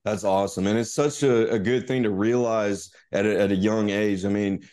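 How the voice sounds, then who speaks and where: Warm in tone, with a fairly low pitch, fairly even intonation and a moderate pace, this man hosts a business podcast. He reads an upbeat scripted intro, then chats casually with his guest, filler words included.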